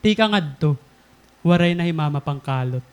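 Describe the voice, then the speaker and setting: A young man in his twenties with a Filipino accent, preaching a sermon as an animated story, laughing often. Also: on the high side, normal speed, dull audio, a little hiss or hum. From Philippines. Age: 20s.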